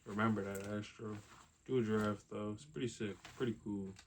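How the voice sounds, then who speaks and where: A young man with a fairly low voice rambles through a casual chat about his drawings, piling up fillers and tossing in the odd swear word. A faint hiss sits under his voice. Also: fairly even intonation, a little fast. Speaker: artist vlogger.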